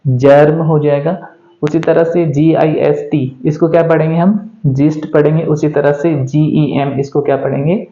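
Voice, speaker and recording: A man's voice: fairly high pitch, flat delivery, unhurried, dark tone. Man teaching pronunciation. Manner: asks a question and then answers it himself, spells words out letter by letter. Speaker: English teacher. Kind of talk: pronunciation lesson in Hindi. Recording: echoey room, dull lo-fi sound.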